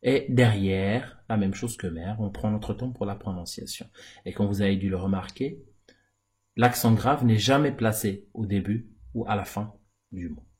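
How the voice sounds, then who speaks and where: A male teacher giving a recorded grammar lesson, speaking deliberately and repeating key words for the viewer. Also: lowish voice, a little mellow.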